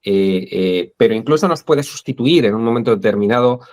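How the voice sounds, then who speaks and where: A man's voice: fairly low pitch, animated, brisk, a little mellow. A man with a Spain Spanish accent, interviewed as an expert guest, who speaks hesitantly with many fillers. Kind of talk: interview conversation.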